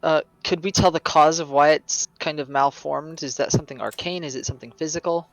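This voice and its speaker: A man's voice: on the high side, brisk, vocal fry, no room sound, poor audio. A man talking casually as a player in a tabletop role-playing game. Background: background music.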